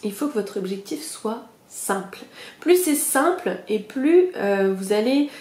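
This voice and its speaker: A young woman talks her listeners through a goal-setting method like a friendly teacher. She speaks loosely, with lots of fillers and little self-mocking asides, and keeps checking in with her listeners. Her voice sits at an ordinary pitch and comes back off the walls of an echoey room. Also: expressive, measured pace, darkish tone. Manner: chatty, many fillers, self-mocking laughs; addresses listeners directly, reassuring. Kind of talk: casual spoken lesson.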